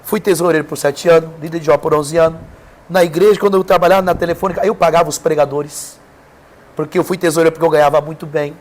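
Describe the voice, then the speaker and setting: Speaking fast with fairly even intonation, a Brazilian preacher on a podcast relates an emotional testimony from his own life in a fairly high voice. His Brazilian Portuguese accent carries an earnest, emphatic storytelling style whose intensity climbs as he goes.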